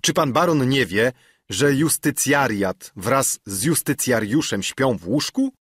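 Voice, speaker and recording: A man reading an audiobook voices a blunt, commanding old grandfather who scolds loudly in a raised voice. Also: medium pitch, animated, a little slow, slightly rough, no room sound, clean studio sound, pitched above the performer's own voice. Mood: scolding, gruff.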